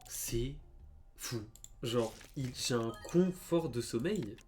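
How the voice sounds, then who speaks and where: A man's voice: mid-range voice, slow, soft background music. A young man streaming a game, telling a story casually with many fillers and stammers. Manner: animated, stammering, heavy fillers. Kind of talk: casual storytelling over gameplay.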